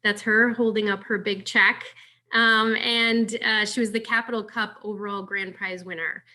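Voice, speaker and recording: A woman's voice: medium pitch, moderate pace. A woman organizing an online session, casually introducing the next speakers with lots of fillers. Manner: relaxed, filler-heavy. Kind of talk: casual introduction on a video call. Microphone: video call.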